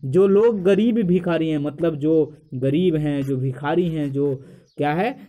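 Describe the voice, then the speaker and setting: A man's voice: fairly high pitch, measured pace, phone-quality sound. A man teaching a school poetry lesson, asking questions and answering them himself, calling the viewers his friends. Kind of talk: explaining a school poem lesson.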